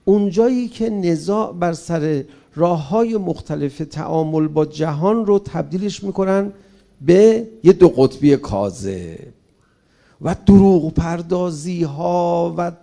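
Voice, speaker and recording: A man giving an impassioned public speech, questioning his listeners directly and swinging between loud emphatic bursts and quiet asides. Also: sits high, creaky. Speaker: public speaker.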